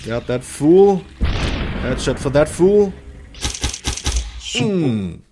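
Male gamer, thirties, highly animated delivery with slow pacing, casual exclamations over game sound. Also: background noise. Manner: exclamatory, reacting in short bursts to play. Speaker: video game player and commentator. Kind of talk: casual let's-play commentary. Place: indoor room, seated at a computer.

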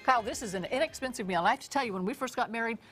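A woman's voice: on the high side, very fast, fairly bright tone, faint music behind. A middle-aged woman news anchor introducing a cooking segment in a studio, upbeat and reactive. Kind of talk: TV segment intro and co-host chat.

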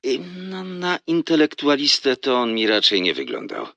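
A man's voice: medium pitch, wildly swooping pitch, normal speed, vocal fry, pushed and bright, no echo, highs cut off, exaggerated voice. An actor playing a flirtatious, teasing salesman in a radio drama who laughs often as he talks on the phone. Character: flirtatious smooth-talking male salesman on phone.

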